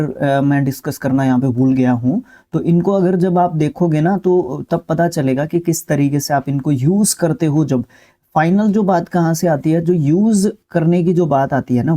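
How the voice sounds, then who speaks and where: A man teaching vocabulary in a relaxed, explanatory lesson, checking in often with his listeners and pausing on filler sounds. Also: on the high side. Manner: repetitive, with "ठीक है" check-ins and filler sounds. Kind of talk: explanatory lesson, talking through word lists.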